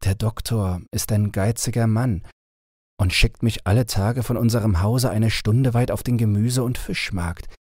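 A man's voice: fairly low pitch, unhurried, darkish tone, slightly rough, no room sound, studio quality. A man voicing a homesick, pleading young boy in a storybook reading, with an earnest, plaintive manner. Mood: anxious.

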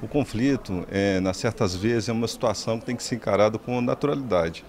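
A man's voice: on the low side, fairly quick, darkish tone, slight background noise. A man in his forties interviewed indoors on a handheld mic, talking casually and upbeat. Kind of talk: on-camera interview. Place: indoor event hall. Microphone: handheld reporter mic.

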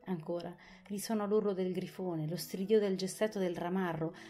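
Female audiobook narrator, low-pitched, clear and expressive, faint music bed. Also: normal speed.

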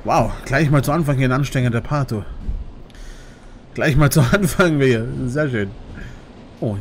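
A man doing let's play commentary on a game, excitable, yelping when startled and chatting to his viewers in between. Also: medium pitch, noisy background. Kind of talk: gaming commentary.

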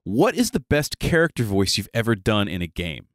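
A man's voice: lowish voice, moderate pace, dry recording, studio quality. A man hosting a casual panel chat, telling stories in a jokey way. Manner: animated, jokey storyteller. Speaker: podcast host.

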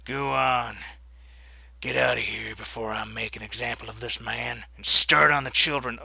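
A man voicing a cold, taunting male killer from a storybook game, with a gravelly Texas drawl. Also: medium pitch, fairly even intonation, normal speed, pushed and bright, full character voice.

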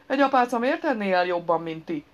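A woman's voice: mid-range voice, lively intonation, pitched above the performer's own voice, close to an everyday voice. A woman voicing a desperate, indignant man with injured hands, pleading in a raised, whiny voice. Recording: dull lo-fi recording.

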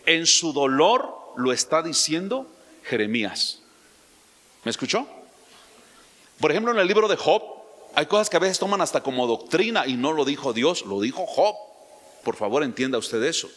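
A man preaching a sermon as pastor, emphatic, throwing out rhetorical questions and rising suddenly to loud lines. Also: a little high, very animated, normal speed, long pauses. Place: church. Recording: long church-hall reverb.

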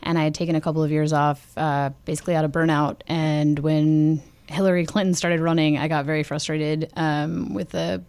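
Deep-voiced woman, dry studio sound. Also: little pitch movement, normal speed, few pauses, a little mellow, no echo. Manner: earnest, conversational, laughs easily. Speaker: guest, newly elected organization leader. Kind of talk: radio interview.

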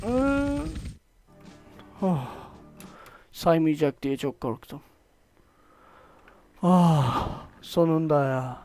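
A man giving casual gameplay commentary, swearing loudly and talking to the game as it frustrates him. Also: on the high side, big pitch swings, drawn-out words, pauses often, soft background music. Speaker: gameplay streamer. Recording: faint game noise behind.

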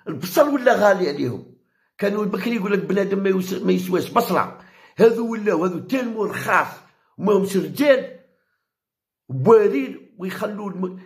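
High-voiced, heated Algerian man. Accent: Algerian Arabic. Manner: heated, repeats phrases for emphasis. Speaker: channel host. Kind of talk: impassioned direct-to-camera rant.

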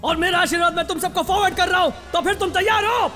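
A man's voice: very high voice, fast. An actor dubbing a blustering male group leader who makes big rousing speeches but is secretly scared, in a Hindi film dub. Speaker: self-appointed leader of a ghost-hunting group. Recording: film soundtrack with music behind.

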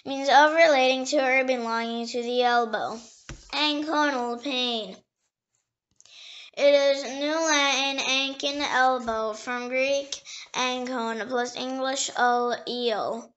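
A woman reading dictionary entries aloud slowly and carefully, spelling each word letter by letter and sometimes stumbling and restarting a word. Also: sits high, fairly even intonation, a bit bright, dull audio. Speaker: dictionary reader.

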